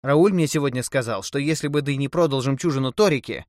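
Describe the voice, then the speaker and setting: A man's voice: medium pitch, fast talker, a little mellow, dry recording, studio quality, pitched above the performer's own voice, lightly acted. A man voicing a quarrelsome, frightened island wife in an audiobook, nagging and wailing.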